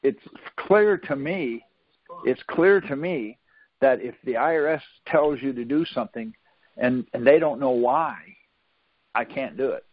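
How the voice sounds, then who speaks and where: A mid-range male voice with a breathy edge takes its time as he teaches informally on a group call, folksy and insistent and checking often that listeners follow along. He is the teacher leading the call, captured via a phone conference line in dull, lo-fi, dry audio.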